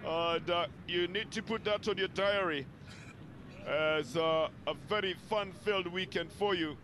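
A man with a Kenyan accent giving live football commentary in measured, descriptive phrases. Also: high-pitched, noisy background.

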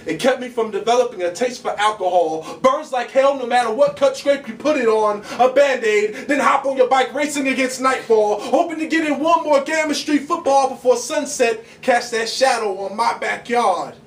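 A man's voice: very high-pitched, normal speed, few pauses. A young man performing a rhythmic, emphatic spoken word poem on a small bar stage, caught on a stand mic by a distant camera. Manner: rhythmic, emphatic delivery with big arm gestures. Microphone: stand mic, far camera. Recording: roomy echo from far off.

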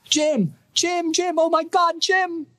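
A man voicing a terrified young woman who sobs and cries out in high pleading calls. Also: steady tone, slow, no echo. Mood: terrified sobbing.

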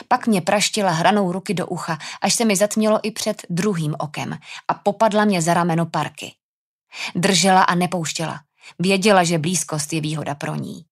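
A woman narrating a first-person fantasy audiobook with a tense, dramatic delivery. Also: lowish voice.

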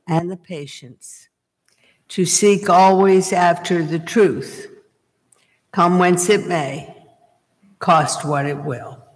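An older woman preaching a sermon from a church pulpit, telling a story at a deliberate pace. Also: fairly low pitch. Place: small church, indoors, at a pulpit. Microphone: gooseneck pulpit mic. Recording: long church reverb. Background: reverberant church hall.

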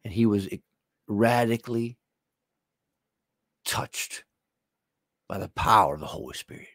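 Slow, earnest male TV preacher. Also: fairly low pitch, lively intonation, fairly bright tone, dry recording, studio quality. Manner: earnest preacher addressing the viewer directly. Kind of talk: televised sermon.

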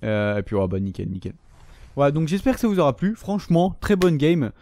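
A man commentating his own shooter gameplay, excitable and swearing often, shouting at opponents. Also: a little high, a little fast, no room sound. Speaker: gaming YouTuber.

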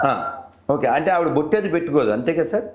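On a roomy, echoey phone call, a man with a slightly high voice and lively intonation talks at a quick pace. He is the host in a conversational debate, pressing his point with persistent leading questions.

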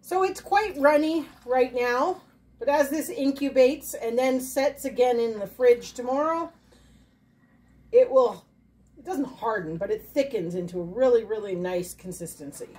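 A homesteading channel host chats casually and upbeat while working in her home kitchen for a cooking video, thinking aloud as she goes. Her voice is on the high side, unhurried, a little mellow, with a breathy edge.

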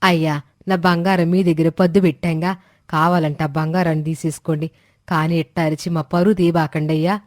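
A man's voice: fairly high pitch, flat delivery, brisk, dry recording, clean studio sound, pitched above the performer's own voice, close to an everyday voice. A man voicing a kindly, hospitable middle-aged village mother-in-law in a storybook tale, with fond, homely speech. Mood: pleading. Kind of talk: storybook character voices.

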